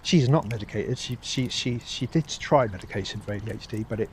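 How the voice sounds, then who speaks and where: A man talks his way through a loose vlog monologue while walking a dog outdoors, rambling and often restarting his sentences. He swears freely and sounds a little worn down by the heat. His voice sits at an ordinary middle pitch, with faint outdoor ambience behind him. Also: brisk, a little hiss or hum. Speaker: vlogger. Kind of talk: casual spoken monologue.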